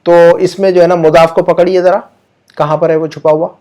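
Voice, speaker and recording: A man teaching grammar over the internet, his accent Urdu-speaking, explains with patience, slowly repeats example sentences, and asks his students questions. His voice is on the high side, level in tone, and mellow.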